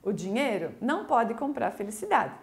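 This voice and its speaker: A woman English teacher with a Brazilian Portuguese accent, giving a recorded school video lesson in a lively, coaxing way. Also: a little high. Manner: lively, coaxing, slow deliberate explanations.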